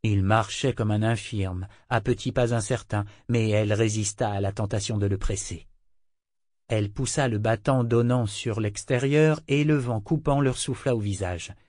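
A man reading a novel aloud as narrator, in a measured, even way. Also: on the low side, no room sound, clean studio sound. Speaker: audiobook narrator. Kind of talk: scripted narration.

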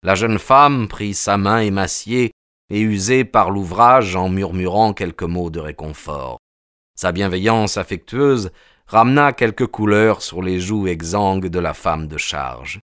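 A man narrating a novel as an audiobook in a measured, literary way. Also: sits low, fairly bright tone, no room sound, clean studio sound.

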